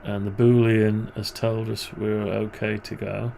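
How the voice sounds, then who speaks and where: A man's voice: on the low side, level tone, measured pace, vocal fry, dark tone, a little hiss or hum. A man presenting a programming tutorial, thinking aloud as he works and grumbling wryly to himself. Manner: muttering, wry grumbling asides. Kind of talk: thinking aloud while working on screen.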